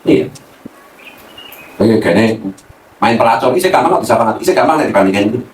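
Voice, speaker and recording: Animated cleric speaking from afar. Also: male voice, mid-range voice, fast. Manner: animated, mixes Javanese slang, laughs often. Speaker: Islamic cleric. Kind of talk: casual religious talk. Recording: roomy, from a distance, faint noise.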